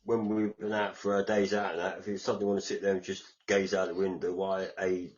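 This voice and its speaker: Low-voiced English man telling stories. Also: flat delivery, quick pace, a little mellow, highs cut off. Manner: chatty storyteller, lots of reported speech. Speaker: podcast co-host. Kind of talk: casual chat.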